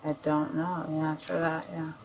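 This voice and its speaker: An intoxicated woman mumbles short, halting answers with her voice on the low side. She sounds quiet and a little off the mic, with clear noise from the body camera around her. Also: flat delivery. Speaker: suspect. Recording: noisy body camera audio from a distance.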